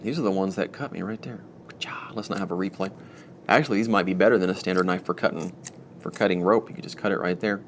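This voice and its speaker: A man of ordinary, middle pitch chats to his viewers in a loose, rambling way, full of self-mocking asides. He sounds a touch wired, as if he has had too much coffee. A faint noise sits behind his voice. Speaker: homestead channel host. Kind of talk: casual talk to camera.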